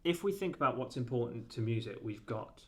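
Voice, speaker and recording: A man's voice: mid-range voice, expressive, brisk, darkish tone. A man giving a casual guitar lesson, rambling and correcting himself often, with lots of fillers. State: has the hiccups. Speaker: guitar teacher.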